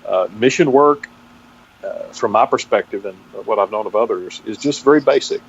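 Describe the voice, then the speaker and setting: This is a middle-aged Texan with a Texas accent, a pastor and seminary teacher, being interviewed as a guest. His reflective answers come haltingly, full of false starts as he searches for words, in a voice on the low side; the sound is dull and band-limited with a little noise.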